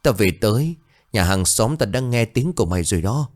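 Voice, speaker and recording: A man voicing a gruff, scolding rural mother. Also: on the low side, animated, a little fast, natural voice.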